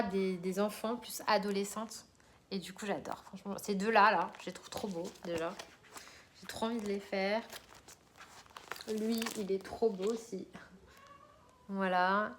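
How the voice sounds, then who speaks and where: A woman's voice: medium pitch, measured pace, fairly bright tone, a little hiss or hum. A woman vlogger chatting casually about her coloring purchases, rambling with many fillers and restarts. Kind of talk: casual chat showing purchases.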